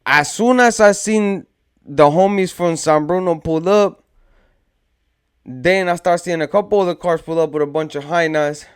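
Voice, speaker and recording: A man's voice: on the high side, normal speed, clear, resonant tone. A man telling a story from his own past in casual street slang, rambling and acting out what his friends said. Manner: rambling, slang-heavy, acts out friends' quotes.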